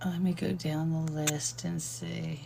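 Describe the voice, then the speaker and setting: A woman's voice: deep voice, little pitch movement, slow pace, creaky, dark tone, a little hiss or hum. An older woman hosting a live stream, chatting casually, laughing often and greeting viewers by name. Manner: admits nervousness about reading aloud.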